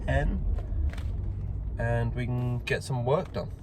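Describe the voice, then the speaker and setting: A man's voice: mid-range voice, slow pace. A man vlogging casually, musing and explaining things in a conversational way. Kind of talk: casual chat to camera. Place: inside a car out running errands. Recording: noisy car, road and engine noise.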